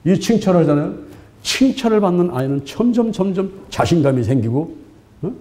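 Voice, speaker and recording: A middle-aged male pastor preaching a sermon in a colloquial, animated way, acting out little scenes in voices. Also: high voice, brisk. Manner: colloquial, asks the congregation "예?" often.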